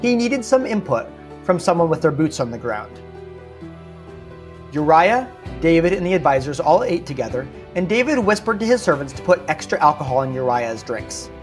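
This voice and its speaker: A man's voice: on the high side, sing-song, moderate pace, soft background music. A man narrating a story podcast in a casual, snarky way, dropping wry asides as he goes.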